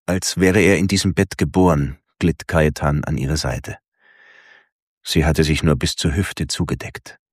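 Very deep, slow male narrator. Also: breathy edge, no room sound, studio quality. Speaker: audiobook narrator. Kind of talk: scripted narration.

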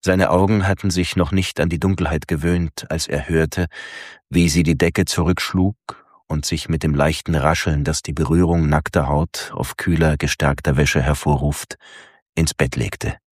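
A man reading a novel aloud in a calm, intimate way. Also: very deep voice, moderate pace, no room sound, studio quality. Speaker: audiobook narrator. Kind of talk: scripted narration.

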